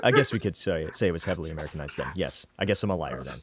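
A man's voice: extremely low pitch, animated, racing, slight background noise. A middle-aged man hosting a casual podcast, conversational and joking, feeling his way through his sentences. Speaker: podcast host.

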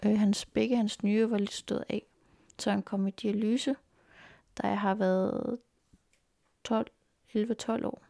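Young woman, heavy vocal fry, dry close sound, earnest halting storytelling, interview. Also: medium pitch, steady tone, mellow, no room sound. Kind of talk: personal life story interview. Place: indoors at grandparents' home.

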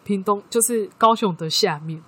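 A woman with a Taiwanese Mandarin accent, co-hosting a casual chat podcast and telling a work story in a lively way. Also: medium pitch, moderate pace. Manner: lively storytelling, acting out quoted dialogue. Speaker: podcast co-host.

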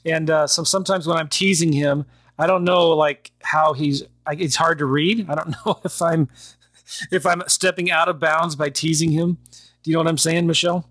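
A man's voice: fairly high pitch, steady tone, moderate pace, a bit bright, dry recording. A man hosting a podcast, chatty and upbeat, often laughing as he talks. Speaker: podcast host. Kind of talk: casual podcast interview.

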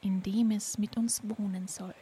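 A woman voicing a scheming, bossy old female toad in a fairy tale read aloud, with a shrill, fussy croak. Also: steady tone, unhurried, dark tone. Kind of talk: storybook character voice.

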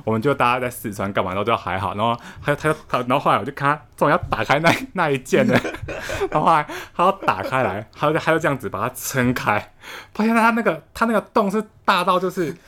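Fast-talking young man, Taiwanese Mandarin. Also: medium pitch. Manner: animated, laughing anecdote-telling with many restarts. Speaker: guest storyteller. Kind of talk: casual chat.

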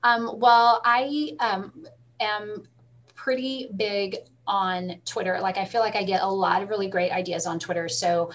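Middle-aged woman librarian, lively chatty guest, mid-range voice. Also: medium pitch. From Texas. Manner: animated storyteller, quick asides, frequent laughs. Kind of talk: casual interview talk.

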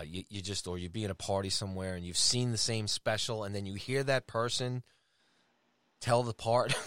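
A man's voice: fairly low pitch, a bit bright, dry recording. A middle-aged man co-hosting a podcast, chatting casually in an easygoing, rambling, teasing way. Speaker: podcast co-host. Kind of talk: casual chat.

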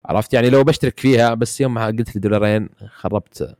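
Man, Saudi Gulf accent, very fast rambling casual chat, dry close sound. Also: medium pitch, fairly even intonation, a little mellow, no echo. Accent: Gulf Arabic, Saudi. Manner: rapid, rambling, many fillers and restarts.

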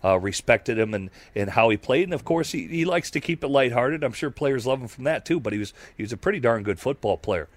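A man's voice: medium pitch, lively intonation, brisk, hardly any pauses, dry recording. A man analyzing football on a radio show, rambling through long analytical points. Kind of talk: sports radio talk.

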